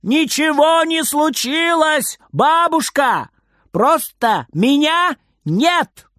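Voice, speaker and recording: A man voicing a cheeky little boy in a storybook reading, with shrill squealing sing-song taunts. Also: slow pace, a bit bright, no echo, clean studio sound, full character voice. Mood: shouting.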